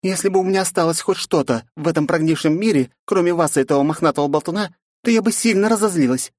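A man voicing a sharp-tongued young woman sidekick who scolds her boss with sarcastic questions. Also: on the high side, fast, dry recording, studio quality, voice pushed up, close to an everyday voice. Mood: reproachful. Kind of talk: audiobook character voice.

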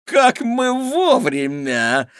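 A man's voice: extremely high pitch, wildly swooping pitch, drawn-out words, a bit bright, clean tone, no room sound, clean studio sound, pitched above the performer's own voice, heavily acted. A man voicing a shaved-headed adult male stuntman villain who growls and gloats. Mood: growling.

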